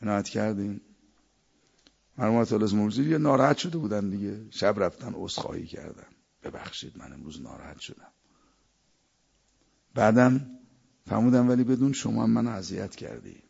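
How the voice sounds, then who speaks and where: A man's voice: on the low side, vocal fry, a little mellow, husky, dull audio. A man preaching a sermon, quoting verses in Arabic and telling anecdotes. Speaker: cleric.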